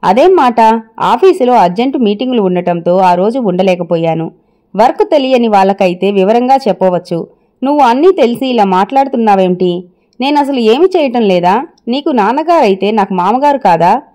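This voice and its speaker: A woman's voice: on the high side, lively intonation, moderate pace, lightly acted. A woman reading as a stubborn, indignant young wife. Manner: indignant, forceful.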